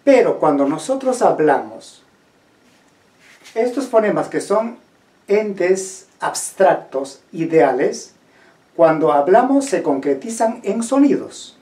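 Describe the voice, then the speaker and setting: Slow-speaking teacher in an echoey room. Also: mid-range voice, very animated, warm tone, recorded from a distance. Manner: slow, deliberate, checks understanding with questions. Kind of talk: classroom lecture on phonetics.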